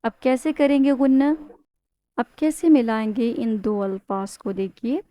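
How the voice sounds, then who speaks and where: High-voiced woman teaching recitation. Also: dark tone, no echo. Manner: patient, explains slowly with questions to students; draws out demonstration words with nasal humming. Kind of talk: Tajweed lesson, teaching step by step.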